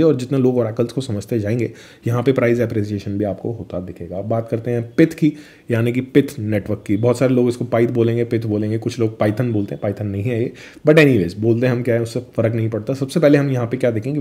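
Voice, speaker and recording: Mellow-voiced man explaining crypto charts. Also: mid-range voice. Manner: chatty Hinglish, addresses viewers as friend, fillers. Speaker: crypto vlogger. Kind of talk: screen-share chart walkthrough.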